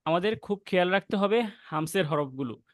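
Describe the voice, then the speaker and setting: Higher-voiced man teaching Quran recitation. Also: expressive, no room sound, studio quality. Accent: Bangladeshi Bengali. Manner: explains patiently, then recites verses slowly and drawn out; demonstrates soft breathy letter sounds. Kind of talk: online class lesson with slow recitation.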